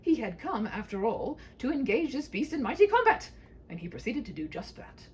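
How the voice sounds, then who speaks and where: A woman narrates a comic fairy tale as storyteller, her pitch moving animatedly in a theatrical, mock-grand delivery over faint background noise. The humorous scripted narration is sing-song and moderately paced.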